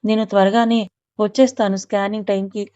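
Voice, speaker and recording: A doting young husband who coaxes his wife with affectionate words, put on by a woman narrator. The voice is mellow and fairly even in pitch. The recording is dull and lo-fi. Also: fairly quick, close to an everyday voice. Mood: coaxing. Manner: coaxing, affectionate. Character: doting young husband, patient but short-fused.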